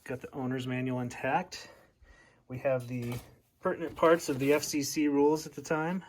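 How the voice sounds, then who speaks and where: An American hobbyist gives a casual, hands-on demonstration presenting an overview of a radio, recorded at home with a furnace running loudly behind him. His mid-range voice keeps a fairly even intonation at normal speed.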